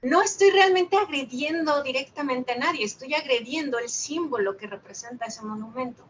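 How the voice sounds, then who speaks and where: A woman with a Mexican Spanish accent leading a Buddhist group, giving a calm, reflective dharma talk with rhetorical questions. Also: high-pitched, moderate pace, dull audio, a little hiss or hum. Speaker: meditation group leader.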